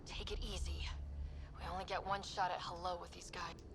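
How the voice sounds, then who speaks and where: A woman's voice: lowish voice, little pitch movement, brisk, natural voice. A woman playing a level-headed, resolute recon specialist in a sci-fi video game, composed and purposeful. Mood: cautious, calming. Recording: noisy game battle ambience behind voice.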